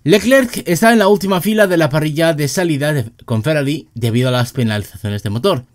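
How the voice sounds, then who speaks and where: Guy narrating sports news script, kinda high voice, even delivery.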